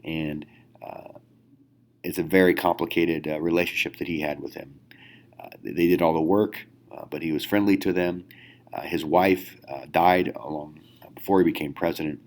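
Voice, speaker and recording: A man teaching a history lesson in a relaxed, conversational way, with many fillers and rhetorical questions. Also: extremely low pitch, moderate pace. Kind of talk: recorded classroom lecture.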